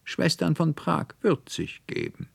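A man's voice: fairly high pitch, big pitch swings, a little slow, vocal fry, breathy edge, dry recording, pitched above the performer's own voice, exaggerated voice. A man voicing a fussy old male doctor who talks in short, jerky phrases. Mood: breezy.

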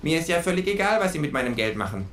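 A man's voice: on the high side, sing-song, racing, a bit bright, reverberant, slight background noise, pitched above the performer's own voice. A man voicing a brash, cynical male kangaroo who talks bluntly with sarcastic provocation. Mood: sardonic. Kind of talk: audiobook character reading.

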